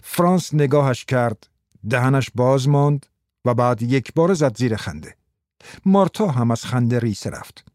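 A man narrating an audiobook in a calm, steady storytelling manner, close to the mic. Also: medium pitch, dry recording.

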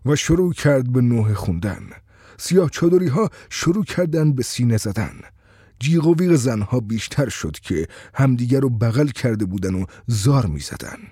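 A man reading a first-person story in a steady, conversational storytelling way. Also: medium pitch, slightly rough, dry recording, clean studio sound.

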